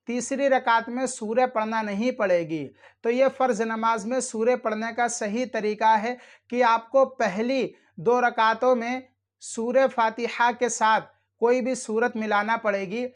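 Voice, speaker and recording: A man's voice: very high-pitched, fairly bright tone. A man hosting his channel, giving earnest religious instruction and repeating his warnings while speaking formally to viewers. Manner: addresses viewers directly and formally. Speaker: channel host teaching prayer rules.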